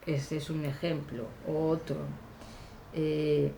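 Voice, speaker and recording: A woman teacher explaining grammar slowly and deliberately, pausing often with fillers. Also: sits low, little pitch movement, mellow, reverberant, a little hiss or hum. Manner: deliberate, hesitant with frequent fillers. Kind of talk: slow classroom grammar explanation.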